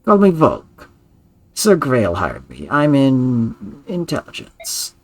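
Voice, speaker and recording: Game spy for hire, snake-like and sly, curt and businesslike, lively intonation male performer. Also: medium pitch, takes it slowly, voice pushed up, exaggerated voice. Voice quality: snake-like, sly hissing delivery.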